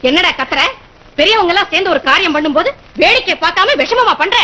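A woman's voice: very high-pitched, expressive, fast talker, slight background noise, full character voice. An actress playing a young mother who scolds her mischievous son and speaks politely to guests. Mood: scolding. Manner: scolding, forceful.

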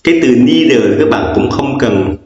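A male teacher walks through a grammar lesson at a steady, patient pace, going back over every rule with frequent fillers. The room gives a heavy, lingering echo, and the recording sounds dull and lo-fi. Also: mid-range voice, unhurried, soft background music. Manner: patient, repetitive explaining with many fillers. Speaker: English teacher.

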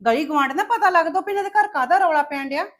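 An actress playing a scheming, sharp-tongued sister-in-law who accuses and taunts the family. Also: female voice, very high-pitched, fast talker. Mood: alarmed. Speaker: actor in a family web drama.

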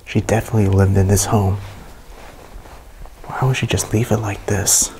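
Inside a big abandoned mansion, a man with a low, flat voice explores the house and narrates to camera at normal speed. He's an urban explorer vlogger doing a casual walkthrough, hushed and awed as he reacts to what he finds, with background noise audible.

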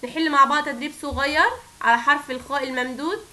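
A woman with an Egyptian Arabic accent teaching a recorded first-grade lesson, stretching syllables slowly for children to repeat and praising them often. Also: high-pitched, fairly even intonation, bright, forceful tone, rough recording.

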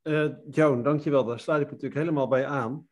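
A man's voice: mid-range voice, fairly even intonation, a little fast, a little mellow. A man in his fifties giving friendly, encouraging closing remarks on a video call, with some fillers. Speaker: team lead. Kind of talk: closing remarks in an online meeting.

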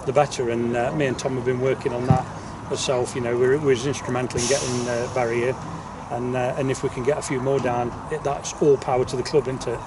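Out on a football pitch, a male manager talks fast and flatly in an informal post-match chat, barely pausing and frequently repeating himself. His voice sits in the mid range. The recording comes from a distant outdoor mic with noticeable background noise.

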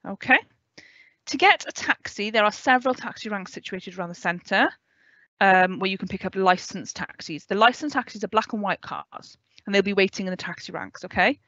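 A student adviser in her thirties from West Wales, speaking with a Welsh accent, gives an online orientation talk and fields questions, often checking in with "okay?" as she explains clearly and warmly. Her medium-pitched voice is lively, brisk, bright and forceful. She uses a headset in a home room with a window, and the video call audio is dry and dull.

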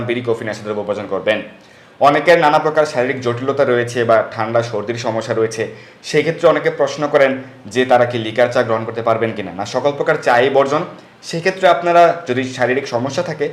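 A man with a Bengali accent giving devotional instruction and telling a scripture story, listing the rules one by one in a steady voice. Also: mid-range voice, echoey room. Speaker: religious teacher.

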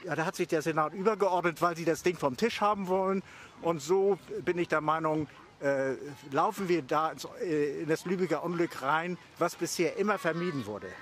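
A man's voice: a little high, normal speed, a bit bright, a little hiss or hum. An older man interviewed outdoors on a park lawn, arguing his point with frequent hesitations and restarts. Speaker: local resident interviewed. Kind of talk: street interview.

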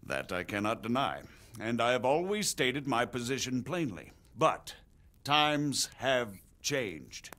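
In this video game cutscene, an actor plays a visiting margrave, a grave middle-aged nobleman who earnestly and persuasively lays out royal politics in measured, formal dialogue. His mid-range voice swings widely in pitch, moving slowly with a bright, forceful tone and a heavily acted delivery.

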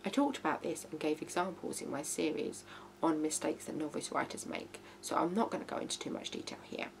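Talking a little fast, a woman in her thirties with a low, creaky voice gives animated, blunt, emphatic writing advice. She speaks to camera in a casual tutorial filmed indoors in a small living room, and the recording has hum and background noise.

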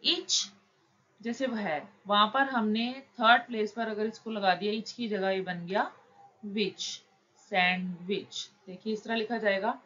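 A woman teaching shorthand, explaining each word slowly and patiently, step by step. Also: fairly bright tone. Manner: slow, patient, drawn-out words. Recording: dull low-fi recording with faint noise.

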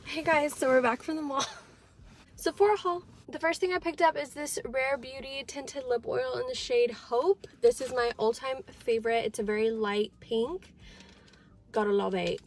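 A beauty vlogger in her twenties talks bubbly and casually to viewers from a parked car, filming herself on a phone held at arm's length. Her voice is fairly high, with slight background noise.

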